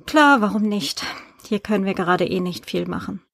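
A woman's voice: mid-range voice, lively intonation, normal speed, gravelly, fairly bright tone, no room sound. A woman voicing a weary young woman coworker in an audiobook, who speaks in a resigned, sighing way.

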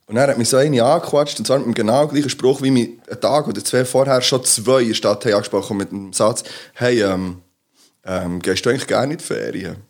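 Casual podcast co-host, Swiss German accent, male, rambling anecdotal delivery, mid pitch. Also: a little fast, darkish tone. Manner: rambling storyteller, many fillers and restarts. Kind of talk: casual chat.

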